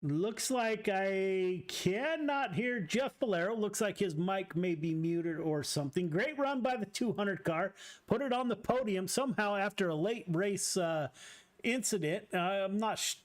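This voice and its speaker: Race broadcaster, male, slightly high voice, halting delivery with lots of fillers. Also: expressive. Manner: halting, many uh fillers and restarts. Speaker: race league broadcaster interviewing drivers. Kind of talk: post-race interview and announcements.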